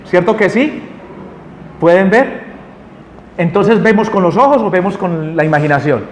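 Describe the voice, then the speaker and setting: A man teaching a spiritual lesson to a group, animated, often asking the audience questions. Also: sits high, unhurried. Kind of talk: lecture to a group. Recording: echoey room with long reverb, faint noise.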